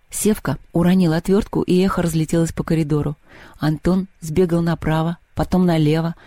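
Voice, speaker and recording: Guy reading an audiobook, a bit high, warm mellow voice, dry close sound. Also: no room sound. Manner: expressive reading, acting out voices. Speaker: audiobook narrator. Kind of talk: scripted narration.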